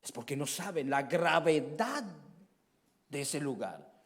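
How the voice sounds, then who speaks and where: Preaching with fervor at a slow pace, this male evangelist has a slightly high, very animated voice. His delivery moves from quiet murmurs up to loud cries, and he often directs questions at the congregation.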